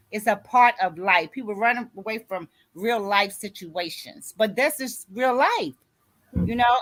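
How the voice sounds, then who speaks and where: A woman's voice: fairly high pitch, a bit bright. A woman in her sixties, an author and grief coach, giving a motivational talk in a preachy way and often asking "you see what I'm saying?". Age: 60s.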